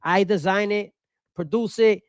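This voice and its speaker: A man's voice: sits high, unhurried, no room sound. Male sports host, passionate and repetitive, dry close-mic sound. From Puerto Rico. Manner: passionate, switches into Spanish, repeats points for emphasis. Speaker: baseball podcast host. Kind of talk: opinionated solo commentary.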